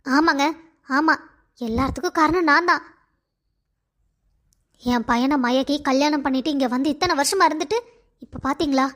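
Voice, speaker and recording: A woman's voice: high-pitched, moderate pace, pauses often, fairly bright tone. A woman voicing an aging, self-pitying mother-in-law who wails her complaints in a cartoon story. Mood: bitter. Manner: wailing complaint.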